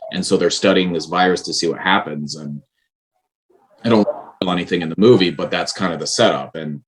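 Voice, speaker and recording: A man's voice: deep voice, fairly bright tone, a little hiss or hum, poor audio. A man, a writer and director, explaining his film earnestly in a casual interview. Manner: earnest, explaining at length with restarts.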